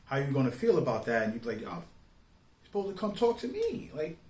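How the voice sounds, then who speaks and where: This is a man who comments online, offering casual opinions in street slang with forceful, measured delivery and plenty of rhetorical questions aimed at the audience. His mid-range voice is somewhat dark and swings widely in pitch. The sound is reverberant and roomy.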